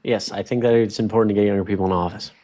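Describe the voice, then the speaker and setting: Hedging young man, measured. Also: on the low side, steady tone, mellow. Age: 20s. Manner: measured, hedging, many fillers like "like" and "you know". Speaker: debate participant. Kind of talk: political discussion.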